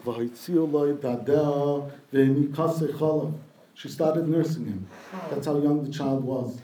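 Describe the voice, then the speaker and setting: A man's voice: fairly high pitch, slow, warm tone, roomy sound, distant mic, poor audio. A man giving a sermon, retelling a midrash and translating Hebrew quotes as he goes. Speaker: rabbi giving a talk.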